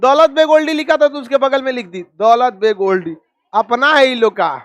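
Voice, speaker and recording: A man teaching a classroom map lesson, scolding students and drilling them with quick repeated questions. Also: very high voice. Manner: scolding, calls students donkeys.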